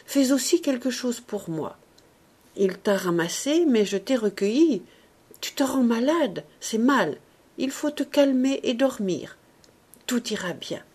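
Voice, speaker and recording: A woman's voice: on the high side, animated, a little slow, darkish tone, husky. A woman voicing an anxious, tender old man who pleads and trembles as he comforts his daughter. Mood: soothing.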